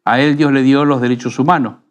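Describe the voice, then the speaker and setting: Argentine pastor teaching in an unhurried tone. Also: male voice, mid-range voice, fairly even intonation. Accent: Rioplatense Spanish. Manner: unhurried, teaching tone with frequent rhetorical tag questions. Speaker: pastor and radio program host. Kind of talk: conversational preaching.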